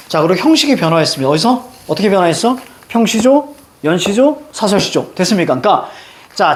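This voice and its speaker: A literature teacher giving a classroom lecture, reciting poem lines in a sing-song lilt and checking in with students through short questions and casual asides. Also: mid-range voice.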